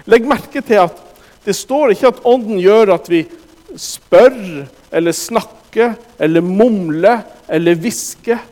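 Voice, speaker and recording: A man's voice: high-pitched, darkish tone, long reverb tail. A man preaching a sermon, speaking emphatically and addressing the congregation directly.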